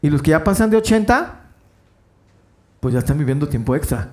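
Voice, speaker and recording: A fairly high-pitched man, preaching to his congregation. He tells the story with animated swings, dropping low and rising high as he acts out the voices in it. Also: a little fast. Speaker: pastor. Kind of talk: sermon.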